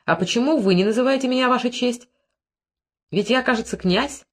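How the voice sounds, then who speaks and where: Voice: medium pitch, brisk, slight background noise, voice pushed up, lightly acted. A reader doing a hot-tempered proud prince. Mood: indignant. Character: proud, quick-tempered male Phoenician prince. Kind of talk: audiobook character reading.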